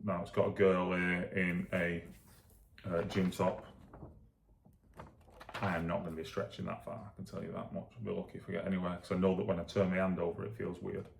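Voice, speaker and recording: A man with a gravelly voice chatting casually as a vlogger, thinking aloud in a self-deprecating, rambling way while demonstrating exercises. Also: sits low, level tone, a little fast, slight background noise. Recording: echoey room.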